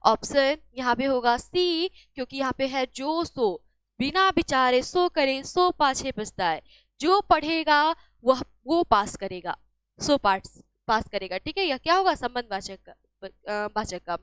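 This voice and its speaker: High-voiced woman teaching exam answers. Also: animated, unhurried, clear, resonant tone, no room sound. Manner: asks a question then answers it herself. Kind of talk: exam-solution lesson.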